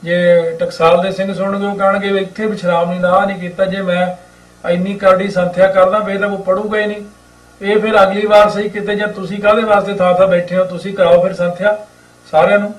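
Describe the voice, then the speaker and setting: A man teaches how to recite scripture, intoning each verse slowly and then breaking off into fast remarks. His voice sits high and holds a narrow, even pitch. The recording sounds echoey and a little distant from the mic. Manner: slow measured chanting of verses, then quick asides. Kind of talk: scripture pronunciation lesson.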